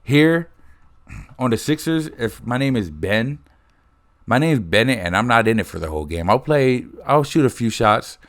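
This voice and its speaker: A man's voice: medium pitch, animated, normal speed. A young man in a rambling, profane casual rant, talking close to the mic. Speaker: host.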